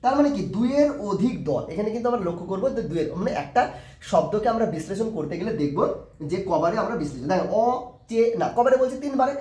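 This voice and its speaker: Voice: medium pitch, sing-song, rapid-fire, warm tone, reverberant. A teacher giving a grammar lesson, often asking a question and answering it, repeating the key words.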